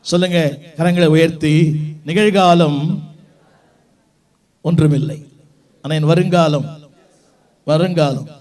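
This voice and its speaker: A man's voice: fairly high pitch, fairly even intonation, slow pace, pauses often, a little mellow. A man with a Tamil accent preaching as a pastor, urging the congregation to repeat words after him and mixing English phrases into his preaching. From South India. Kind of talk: call-and-response sermon. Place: church hall with a congregation.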